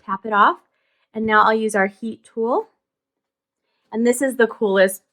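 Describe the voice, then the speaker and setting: A middle-aged woman walks viewers through a craft tutorial in a casual, chatty way, upbeat and thinking aloud as she works. Her voice is bright and sits a little high. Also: measured pace.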